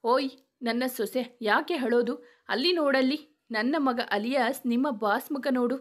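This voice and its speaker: A woman's voice: high voice, unhurried. Woman voicing a joking mother-in-law. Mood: teasing. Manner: teasing, humorous. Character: joking warm-hearted middle-aged mother-in-law.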